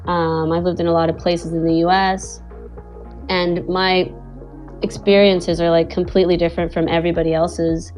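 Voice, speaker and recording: A Venezuelan woman, a guest animator and director, chats casually in an online audio space, rambling with plenty of "like" and "you know." Her voice is on the low side, darkish, and level in tone, at a moderate pace, with faint music playing behind her.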